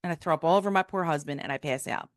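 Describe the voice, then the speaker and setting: A woman in her fifties, a guest telling a personal story in a frank, casual, animated way, acting out the people she quotes. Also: low-pitched, very fast, dry recording, clean studio sound.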